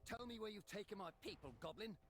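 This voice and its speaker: A man's voice: fairly high pitch, very animated, measured pace, pitched above the performer's own voice. A man voicing a reluctant, hot-tempered young male Viking in a game story. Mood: angry. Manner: pleading, then demanding.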